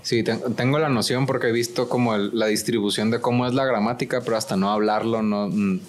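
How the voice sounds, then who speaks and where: Male host. Relaxed, slangy, a little halting in casual interview talk. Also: mid-range voice. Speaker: podcast host.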